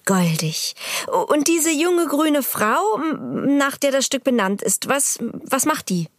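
A woman's voice: high-pitched, slow, no room sound, studio quality. A woman hosting a podcast in a playful interview sketch, teasing her guests and cutting off their rambling. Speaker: podcast host.

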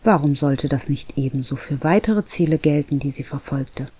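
A narrator reading a children's animal story aloud in a calm, even manner. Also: medium pitch, moderate pace, husky, no echo. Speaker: audiobook narrator. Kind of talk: scripted narration.

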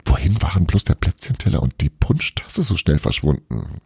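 Deep, gravelly man reading a story. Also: moderate pace, dry recording, clean studio sound. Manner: expressive, lively storytelling. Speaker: narrator.

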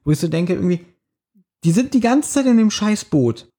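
A man with a slightly raised, husky voice talks animatedly in a casual podcast chat. He laughs often and slips into quick put-on voices to act out scenes. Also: sits high, lively intonation, warm tone. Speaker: podcast co-host. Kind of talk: casual chat reviewing a radio play.

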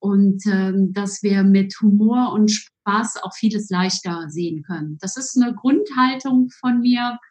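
A woman, a podcast guest, talking about herself in a slow, searching, hesitant way. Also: mid-range voice, darkish tone. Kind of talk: casual interview talk.

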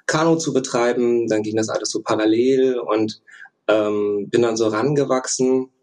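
A man's voice: mid-range voice, fairly even intonation, moderate pace, darkish tone, poor audio. A man in his thirties, a podcast guest, telling his story in a hesitant, thoughtful way with many fillers. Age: 30s. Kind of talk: casual interview chat.

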